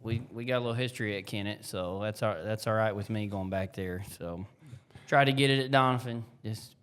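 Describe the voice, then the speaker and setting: A man's voice: on the low side, a bit bright, clear, resonant tone. A man, a girls' basketball coach talking in an easygoing, plainspoken way. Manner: easygoing, plainspoken, drawn-out explanations. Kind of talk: casual chat.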